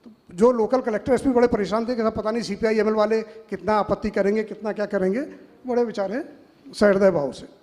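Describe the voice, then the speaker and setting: A middle-aged man with a Madhya Pradesh Hindi accent talks to an audience from a panel, sitting high in his register. He moves from one anecdote to the next and slips into the voices of the people he quotes. His voice carries a long hall reverb. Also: steady tone, brisk, a little mellow. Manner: anecdotal, quotes others in dialogue. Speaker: panel speaker. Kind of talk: storytelling talk to an audience.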